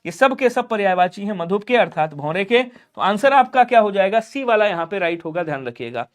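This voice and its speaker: A young man teaching a live online grammar class, drilling answers in a brisk, chatty way and talking straight to his students. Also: sits high, very animated. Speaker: online exam tutor.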